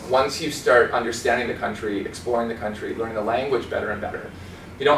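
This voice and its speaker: This is a man in his forties with a mid-range voice, telling stories in a casual slide presentation in a small conference room, animated and gesturing freely as he mimics voices and accents. The far-off camera gives roomy sound with a faint hiss or hum.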